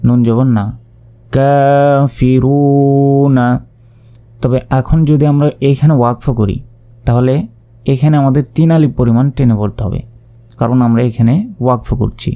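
Gravelly man teaching recitation slowly. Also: mid-range voice, mellow. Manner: slow drawn-out chanted recitation between spoken explanations. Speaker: Quran reading teacher. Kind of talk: spelling out recitation step by step.

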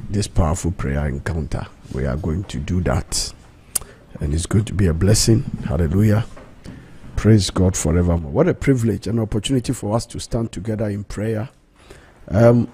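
Speaking low with a dark tone, a middle-aged man preaches as pastor and host of a prayer programme, pressing his points and repeating key phrases. He's in a small indoor radio studio on a close boom-arm mic with headphones, and there's a little hiss or hum.

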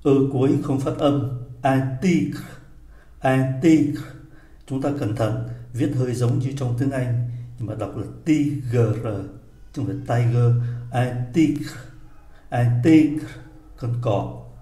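A man teaching French vocabulary to learners, repeating each word slowly and explaining how it is spelled and pronounced. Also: medium pitch, dark tone. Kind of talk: slow vocabulary drill lesson. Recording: echoey room.

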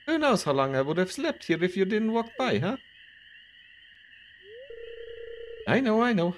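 A man's voice: high voice, a little hiss or hum, voice pushed up. A man voicing an emotional, middle-aged single-mother ship captain who drops Spanish exclamations and "aye" as she gushes, with game music behind. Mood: drowsy friendly. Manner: sentimental, gushing.

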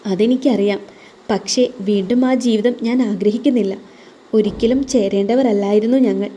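A guarded young mother from an audio story speaks softly and wearily about her pain, as a woman puts her on. Her voice is mellow and dark in tone. It sits at a plain middle pitch, close to the narrator's own voice. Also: steady tone, normal speed, lightly acted. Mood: weary, hurt. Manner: subdued, weary, soft. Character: hurt young single mother, quiet and guarded.

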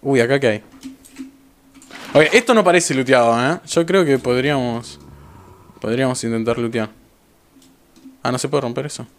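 A young man with an Argentine accent streaming a game, talking excitedly to his viewers and repeating phrases over and over. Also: mid-range voice, normal speed, long pauses, slight background noise. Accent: Argentine Rioplatense Spanish. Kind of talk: live gameplay commentary.

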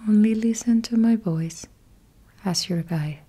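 In a mid-range voice, a woman instructs a yoga nidra session meant to bring on sleep. She speaks in a gentle hush, her phrases short and measured, each finishing on a soft breath.

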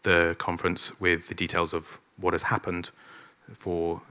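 A man welcoming a packed hall to a conference, running through housekeeping in an upbeat voice that sits on the low side. He slips in dry little jokes between the announcements and speaks into a stage microphone. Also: flat delivery, a little slow, sharp tone. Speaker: conference organizer giving opening words. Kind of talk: opening remarks at a conference. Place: large conference hall with an audience.

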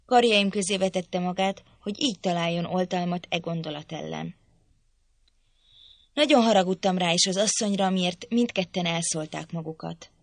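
A woman narrating a classic novel as an audiobook in a measured, even storytelling manner. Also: lowish voice, gravelly, dry recording.

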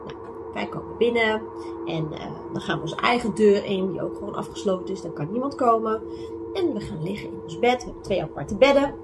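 A young woman vlogger telling her own true ghost stories in a chatty way, full of fillers, sometimes dropping to a whisper and sometimes rising to excited shouts. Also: medium pitch, brisk, noisy background. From Netherlands. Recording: music playing underneath.

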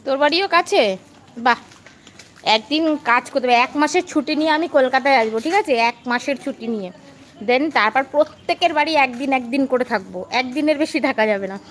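A woman's voice: high-pitched, a little fast, a little hiss or hum. A middle-aged woman vlogging, chatting affectionately with her viewers while she walks along a street. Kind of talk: casual live-stream chat, answering viewer comments. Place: outdoors walking along a street.

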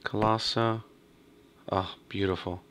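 Male game commentator with a low-ish voice, talks to himself while playing, a little hoarse from a cough. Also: fairly even intonation, takes it slowly, fairly bright tone, a little hiss or hum. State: slightly hoarse, has a cough. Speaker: gaming video host. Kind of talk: casual let's-play commentary.

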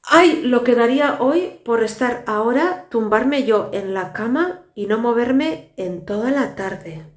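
Unhurried and with lively intonation, a woman in her thirties speaks in a slightly high voice carrying a Basque Spanish accent, being a native Basque speaker. As a tired family vlogger, she chats casually and rambles with weary asides into a phone camera at arm's length in her echoey tiled home kitchen.

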